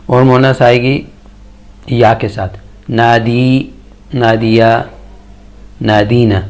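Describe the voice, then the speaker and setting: A man teaching Arabic verb conjugations in a slow, measured lesson, reciting tables one form after another. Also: mid-range voice, little pitch movement, darkish tone. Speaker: Quran and Arabic grammar teacher.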